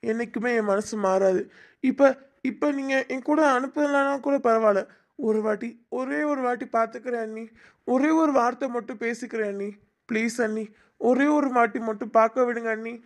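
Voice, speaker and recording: A woman's voice: fairly high pitch, normal speed, lightly acted. A woman voicing a lovesick young man who begs desperately with stammering repeats in an amateur audio drama. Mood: pleading.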